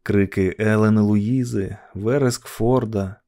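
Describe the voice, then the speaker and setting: A man narrating an audiobook dramatically, dropping to a hush in tense passages. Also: lowish voice, fairly even intonation, measured pace.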